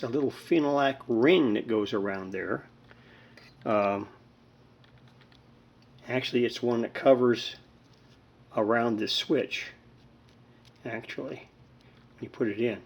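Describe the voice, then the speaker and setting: Recorded indoors, this man hosts a hobbyist home repair video, chatting in a relaxed, meandering, folksy manner. His voice sits at a medium pitch with some vocal fry, and the audio is lo-fi.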